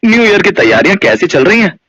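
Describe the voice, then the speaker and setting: A man's voice: high voice, very animated, quick pace, a bit bright, slightly rough, no echo, heavily acted. A man voicing a mocking boy who teases a poor girl in a gleeful, taunting way. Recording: dull lo-fi audio.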